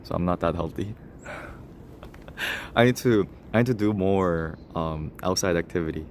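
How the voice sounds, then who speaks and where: A young man in his 20s livestreams casually, reading comments and talking straight to chat. He laughs often and pokes fun at himself, his voice low and unhurried over slight background noise.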